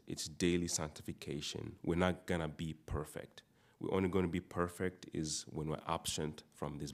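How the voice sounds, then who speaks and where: A man from Uganda delivers a sermon in a very deep, low voice. He often repeats words and restarts phrases to press his points home. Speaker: preacher.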